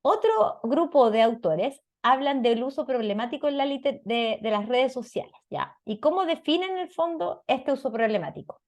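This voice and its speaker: A woman with a Chilean Spanish accent and a high, animated voice speaks at normal speed with few pauses. She is a parenting lecturer giving an explanatory talk. Her tone is didactic, and she often checks in with short questions.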